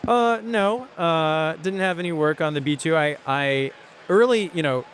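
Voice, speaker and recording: During a casual interview conversation, a company founder who grew up in Asia talks at length as a podcast guest, thoughtful and casual with frequent restarts. His voice is a little high and fairly bright, at a measured pace, with slight background noise.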